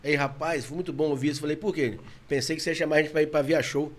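A man with a Brazilian Portuguese accent telling his story in a casual, animated chat, often laughing as he talks. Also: quick pace, crowd noise. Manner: animated, laughing, gets louder and higher when excited.

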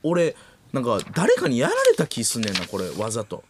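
A man with a Kansai accent and a sore, hoarse throat, co-hosting late-night comedy radio with animated, exclaiming quips. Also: medium pitch, brisk, slight background noise.

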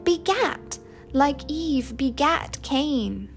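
A woman voicing a lonely, proud young girl in a storybook reading, speaking high, loud and insistent. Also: lively intonation, extremely slow, creaky, faint music behind, heavily acted. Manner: indignant, then passionate and shouting.

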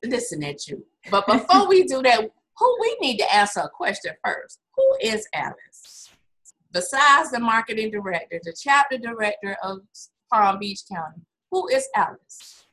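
Bright, enthusiastic woman host. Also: on the high side, very animated, moderate pace, rough recording. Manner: enthusiastic, emphatic. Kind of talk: hosting an online interview.

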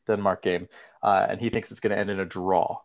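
Low gravelly-voiced man, laid-back. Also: little pitch movement, fairly quick, a little hiss or hum. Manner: laid-back, hesitant with fillers. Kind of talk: casual sports chat.

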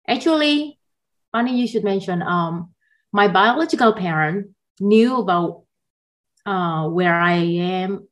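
A woman in her forties who grew up in Indonesia, a guest on a podcast. She tells her story softly and haltingly, with small laughs between phrases, at a middling pitch. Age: 40s. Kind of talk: personal story in a podcast interview.

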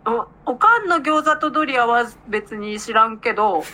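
Lively laughing woman with a Nagoya accent. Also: on the high side, normal speed, poor audio. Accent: Nagoya dialect. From Aichi, Japan. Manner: laughs often, playful teasing. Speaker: podcast co-host. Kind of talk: casual chat.

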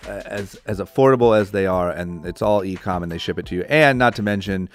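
A podcast host with a low voice chats eagerly in a casual interview, rambling fairly quickly with plenty of fillers and restarts. Soft music plays in the background.

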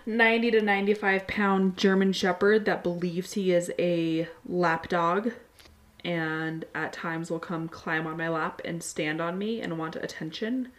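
A woman's voice: fairly low pitch, steady tone, measured pace. A woman co-hosting a podcast, talking in a casual, conversational way. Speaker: podcast co-host.

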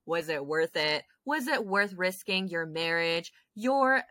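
A woman co-hosting a podcast in casual chat, expressive and opinionated, often correcting herself as she goes. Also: lowish voice, slow pace, no echo. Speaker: podcast co-host.

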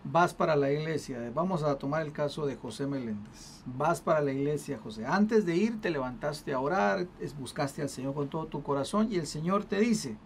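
A co-host retelling a Bible story in a casual faith discussion, animated and full of restarts, acting out the people in it. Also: mid-range voice, normal speed, few pauses, a little hiss or hum. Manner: acts out quoted voices.

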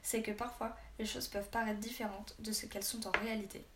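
A woman's voice: medium pitch, level tone, a little fast, natural voice. Woman reading a polite old diplomat elder. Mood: conciliatory. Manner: courteous, conciliatory. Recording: roomy echo, faint background hiss.

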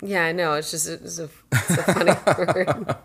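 A young woman co-hosting a casual chat, playful and quick with affirming interjections. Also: lowish voice, steady tone, husky. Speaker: podcast co-host.

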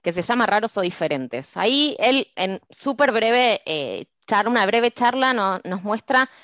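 A woman's voice: mid-range voice, a little slow, no echo. A woman with an Argentine accent hosting a podcast, telling anecdotes in a chatty, casual way. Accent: Argentine Spanish. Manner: lively storytelling, chatty anecdotes. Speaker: podcast host.

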